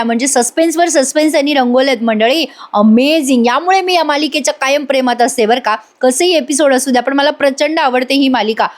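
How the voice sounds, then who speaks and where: A woman with a Marathi accent recapping a TV serial episode in a chatty voice-over, addressing viewers directly and acting out the characters' lines. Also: sits high. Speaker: TV serial reviewer.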